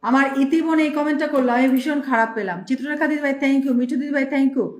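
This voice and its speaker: A woman's voice: sits high, fast talker, roomy sound. A woman hosting a live stream, reading out viewer names and thanking them one after another in speech.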